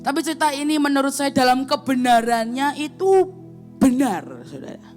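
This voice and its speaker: A woman's voice: moderate pace, soft background music. A woman evangelist, preaching a sermon as a story and acting out its characters. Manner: animated, acts out characters with big pitch jumps.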